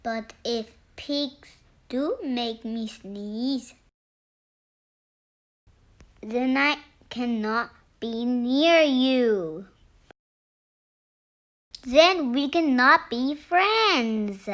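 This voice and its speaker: A reader voicing an anxious elephant in a storybook, dramatic, halting and exclamatory. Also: mid-range voice, a bit bright. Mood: worried, dramatic.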